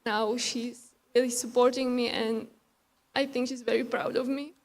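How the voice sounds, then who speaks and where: A woman from the Czech Republic gives a prepared pageant speech in English, her second language. She speaks in a fairly high, level voice with little rise and fall, earnest and measured. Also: flat delivery. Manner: earnest, measured delivery with small grammar slips. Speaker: pageant contestant.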